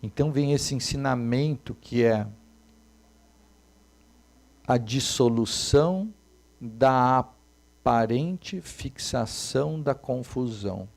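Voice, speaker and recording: A man, giving a Buddhist dharma talk as a meditation teacher, moving between soft and emphatic speech. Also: mid-range voice, slow, creaky, pauses often.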